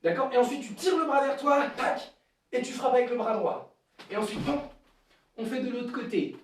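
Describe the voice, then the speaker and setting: High-voiced karate teacher in an echoey hall. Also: male voice, expressive, moderate pace, a little hiss or hum. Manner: calls counts and kiai shouts between explanations. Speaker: karate instructor. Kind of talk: online class instruction. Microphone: camera at a distance. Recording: echoey room, voice far from the mic.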